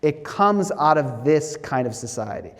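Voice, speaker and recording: A middle-aged man lectures in a wry, lively storytelling manner. His fairly high voice rings out with a long reverb, as if heard across a church sanctuary. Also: measured pace. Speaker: guest lecturer.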